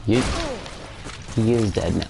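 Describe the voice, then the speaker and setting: A man's voice: fairly low pitch, slow, creaky, noisy background. A man doing casual gameplay commentary, thinking aloud to himself as he plays. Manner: self-talk, thinking aloud. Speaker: gamer doing a playthrough. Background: game sounds.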